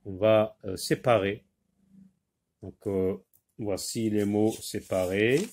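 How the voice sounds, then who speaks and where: A man teaching a reading lesson, slowly repeating each word and breaking it into syllables. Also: lowish voice, fairly even intonation, a little mellow.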